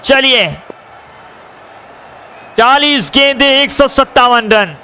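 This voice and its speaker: A man giving excited live cricket commentary, addressing viewers as friends and repeating stock phrases. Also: extremely high pitch, slow pace. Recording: crowd and noise behind the voice.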